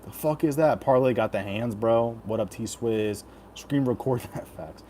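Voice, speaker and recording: Slow-paced frat-bro guy streaming. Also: mid-range voice, warm tone, slight background noise. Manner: frat-bro slang, crude and profane. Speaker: livestream host giving fight predictions. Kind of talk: casual livestream banter, reading and answering chat.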